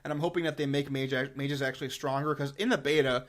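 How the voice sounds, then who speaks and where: A medium-pitched male voice, steady in tone and quick in pace. He's a gaming YouTuber doing a review and channel updates, rambling in casual, unscripted commentary to viewers and stressing key words hard.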